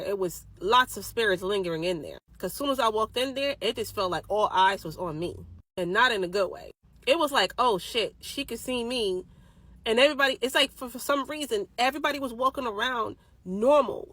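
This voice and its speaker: A young woman casually telling a personal supernatural story, animated and swearing freely, getting louder when she quotes people. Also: medium pitch, no echo. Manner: animated, swearing, rising loud when quoting others.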